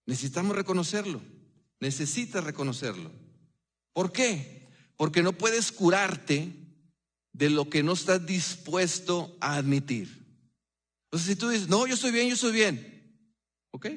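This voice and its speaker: A man preaching a sermon as pastor, earnest and conversational, often pausing and dropping into a hush. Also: fairly high pitch. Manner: earnest, conversational preaching with frequent pauses and sudden hushed drops.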